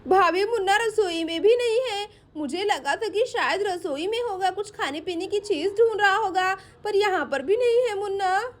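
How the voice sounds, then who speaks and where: Casting: woman as a fretful young woman in a doll play story, high and urgent. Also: moderate pace, few pauses. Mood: anxious. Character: young woman Pinky, anxious and caring.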